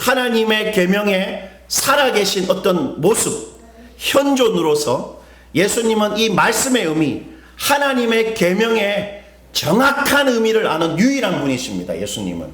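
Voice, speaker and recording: A middle-aged man gives a sermon in a relaxed, talking style, asking his listeners questions and telling stories from his own life. His voice sits fairly high and moves up and down a great deal. The room carries a clear echo. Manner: conversational preaching, asks the congregation questions, tells personal stories. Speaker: pastor. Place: church hall. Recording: echoey room.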